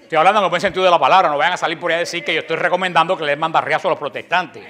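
Speaking very fast with fairly even intonation, this Cuban man delivers an impassioned sermon to believers in a Cuban Spanish accent. His manner is forceful and preachy, emphatic but with abrupt drops into a low voice, plus joking asides.

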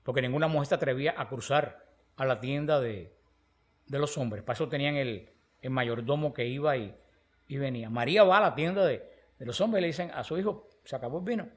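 A mid-range male voice at a fairly quick pace belongs to a preacher giving a conversational Bible talk. He relates stories with animation and acts out what people say.

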